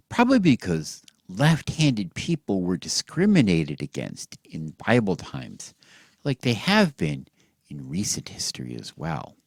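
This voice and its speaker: With a deep voice, a man tells a satirical bedtime story as though speaking to children, mock-earnest and theatrical, stretching out words and dropping to a hush. The sound is dry and clean, studio quality.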